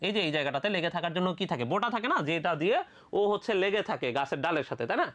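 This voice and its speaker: A teacher from Bangladesh giving a lively medical admission biology lecture, repeating each question, answering it, and checking in with the students again and again. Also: medium pitch, racing. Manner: colloquial, playful asides.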